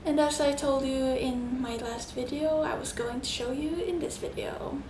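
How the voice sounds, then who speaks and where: Young swedish girl vlogging, high voice, laughs a lot, roomy noisy sound. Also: moderate pace, distant mic. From Sweden. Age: young adult. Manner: giggly, relaxed. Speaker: au pair vlogger. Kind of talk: casual chat. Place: apartment room and kitchen. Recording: echoey room with background noise.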